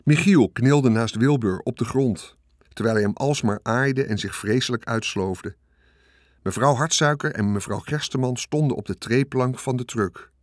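A man reads a children's book aloud in a calm, measured way. His voice sits at a middle pitch. The recording is dry and close to the mic. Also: dry recording. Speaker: audiobook narrator. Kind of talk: scripted narration.

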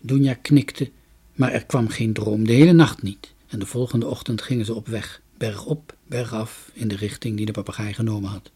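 A man reading a children's story aloud with expressive, lilting delivery. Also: fairly low pitch, moderate pace, husky.

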